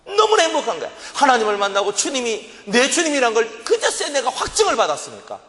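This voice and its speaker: High, lively Gyeongsang preacher in a hall. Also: male voice, fast talker. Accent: Gyeongsang Korean. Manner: dramatic storytelling, acts out his own past prayers and crying. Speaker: pastor. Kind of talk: sermon with vivid personal testimony. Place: church sanctuary. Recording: long reverb of a church hall.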